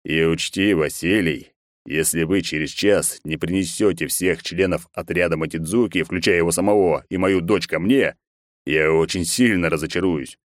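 Man doing a ruthless emperor, deep voice, curt and menacing, dry close sound. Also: normal speed, no echo, lightly acted. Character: cold, ruthless middle-aged emperor.

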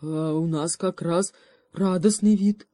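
A woman voicing a smug, cowardly male bear guarding a forest path in a storybook, speaking loudly and boastfully. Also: lowish voice, steady tone, slow pace, dry recording. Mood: gruff.

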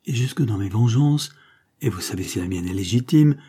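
A man's voice: lowish voice, lively intonation, fairly quick, mellow, slightly rough. A man reading an audiobook, voicing a cold, vengeful male captain who speaks with scorn. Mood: icy scorn. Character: icy vengeful male captain back from exile.

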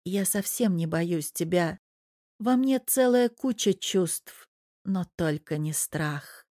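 A woman's voice: mid-range voice, measured pace, mellow, no echo, close to an everyday voice. A naive but stubborn young woman, pleading emotionally with the man she loves, as a woman narrator plays her. The voice is close-miked and dry, with no room sound, in an audiobook reading. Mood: tender.

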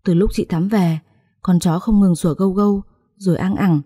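A woman's voice: on the low side, fairly even intonation, normal speed, mellow, breathy edge, no room sound, studio quality. A woman voicing a worried, chatty young housemaid in a family drama story. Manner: worried, gossipy.

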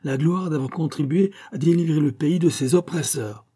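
A man's voice: a little high, normal speed, dark tone, husky, voice pushed up. A man voicing a naive, sly young village man who pleads in a mock-polite, wheedling way. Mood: pleading.

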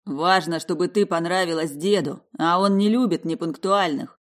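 A woman's voice: on the low side, moderate pace, close to an everyday voice. A woman voicing a curt, impatient man. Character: brusque impatient man on the phone.

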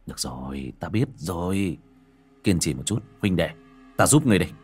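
A man voicing a brash, capable young male exorcist in an audiobook, with brisk, terse delivery. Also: low voice, big pitch swings, breathy edge, faint music behind, voice pushed down, heavily acted. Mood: reassuring. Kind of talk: audiobook character acting.

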